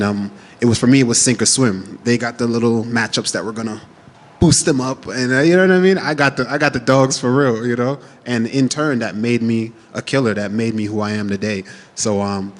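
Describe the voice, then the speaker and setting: This is a Jamaican-raised MMA fighter in his thirties, answering media day questions casually, confidently, and with some trash talk. His fairly low voice trails off into a long reverb.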